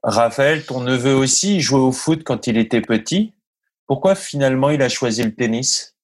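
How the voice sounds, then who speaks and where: A man's voice: mid-range voice, moderate pace. A man hosting a podcast, asking questions in a conversational interview style.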